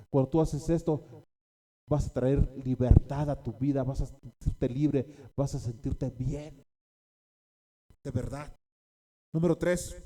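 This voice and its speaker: Dark-voiced pastor preaching. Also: male voice, on the high side. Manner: repeats key phrases, checks in with the congregation. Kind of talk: sermon.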